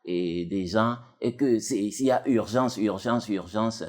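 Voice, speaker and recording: Deep-voiced man. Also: a little slow. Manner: rambling, many fillers and restarts. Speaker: dubbing actor and technician, guest. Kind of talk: casual interview talk.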